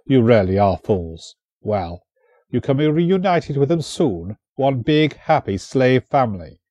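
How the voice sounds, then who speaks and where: A man's voice: mid-range voice, big pitch swings, measured pace, warm tone, no room sound, lo-fi sound. A man voicing a menacing, mocking Welsh warlord prince with a Welsh accent and a taunting manner. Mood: sneering. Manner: sneering, taunting.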